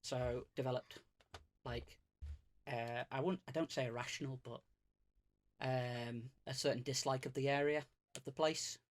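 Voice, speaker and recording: This man from Greater Manchester, England, speaks at a measured pace in a steady, mid-range voice. He's chatting casually as a streamer's guest on a podcast. He rambles, pokes fun at himself, and fills his talk with fillers and restarts.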